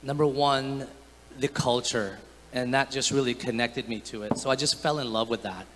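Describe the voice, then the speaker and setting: A man's voice: mid-range voice, fairly even intonation, normal speed, fairly bright tone, a little hiss or hum. A man startup founder who grew up in the United States, speaking sincerely on a panel. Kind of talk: panel talk. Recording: reverberant hall with faint ambience.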